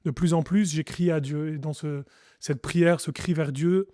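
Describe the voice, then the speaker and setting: A French man, a pastor, speaks in an earnest and reflective way, often restarting his sentences. His voice sits fairly high but sounds dark and mellow. The recording is dry and close, with no room sound. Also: fairly even intonation, measured pace, no echo. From France. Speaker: pastor, podcast guest. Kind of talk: testimony interview.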